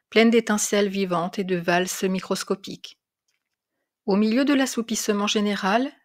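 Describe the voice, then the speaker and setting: A woman narrating a classic French short story in a measured, expressive storytelling voice. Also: medium pitch. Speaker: reader of literary classics.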